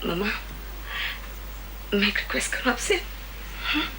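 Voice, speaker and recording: A woman's voice: medium pitch, sing-song, a little slow, sharp tone, exaggerated voice, rough recording. An actress in her thirties playing a married daughter who keeps pleading with her mother, in a television drama. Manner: pleading, repeats "mamma", mixes in English phrases. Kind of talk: 1990s television drama acting. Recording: hissy old TV archive recording.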